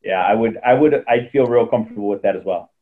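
A man's voice: lowish voice, fast. A man co-hosting a sports podcast in casual chat, dropping dry, wry asides. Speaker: podcast co-host. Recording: tinny phone-like line.

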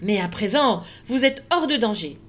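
A woman voicing a brave young boy hero in a read-aloud story, speaking high and urgently. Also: animated, moderate pace. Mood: reassuring. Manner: shouting urgently.

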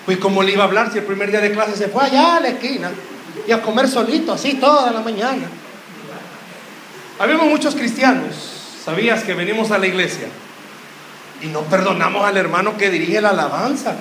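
A young man preaching, his voice pitched high and cutting, as he teases the congregation and keeps firing questions at them. The sound rings around a roomy church hall. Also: a little fast, fairly bright tone, a little hiss or hum. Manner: joking, quizzes the crowd with questions. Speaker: youth preacher. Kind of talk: sermon.

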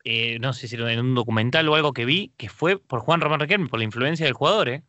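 A man's voice: mid-range voice, a little fast, bright, forceful tone, no room sound. A man with an Argentine accent co-hosting a sports radio show, eagerly bringing up trivia. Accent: Argentine Spanish. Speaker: radio co-host. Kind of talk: casual sports radio talk. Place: radio studio.

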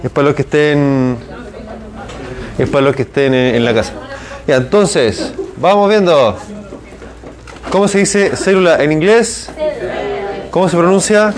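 Slow-talking Chilean male lecturer. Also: fairly high pitch. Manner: drills pronunciation, repeats words, keeps asking for agreement. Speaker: university lecturer. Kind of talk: hybrid class lecture.

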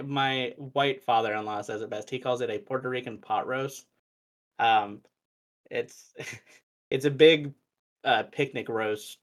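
A young man co-hosting a casual podcast chat, telling family stories with lively quoted voices. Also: medium pitch. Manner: animated storytelling, quoting family in put-on voices. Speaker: podcast co-host.

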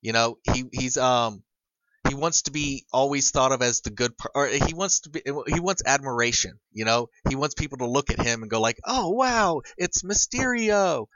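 A man with a bright, clear-edged voice chats on a podcast in a halting way, often restarting his sentences. The recording is dull and lo-fi, with a dry sound and no room echo. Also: medium pitch. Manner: halting, many restarts while recounting comic lore. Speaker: podcast co-host. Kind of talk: casual chat.

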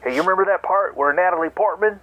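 A man's voice: high voice, quick pace, fairly bright tone, slight background noise, poor audio. A man leaving a goofy, rambling voicemail message for a show, played back over the phone. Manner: goofy, jokey, self-mocking.

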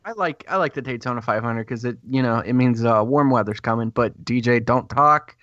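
A man's voice: mid-range voice, brisk, fairly bright tone, no echo, lo-fi sound. A man filling in as co-host, rambling and self-deprecating in casual sports chat. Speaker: fill-in co-host.

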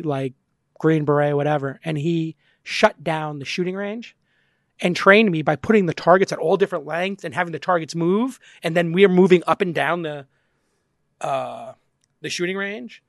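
Gravelly, rambling podcast host man. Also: a little high, no room sound, studio quality. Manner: rambling, animated, swears casually. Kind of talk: casual conversational interview.

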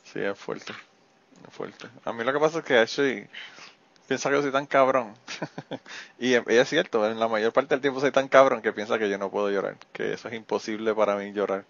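A man's voice: fairly low pitch, fairly even intonation, normal speed, creaky, fairly bright tone, highs cut off. A man hosting a podcast interview, talking frankly and reflectively and swearing casually. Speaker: podcast host. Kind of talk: candid interview chat.

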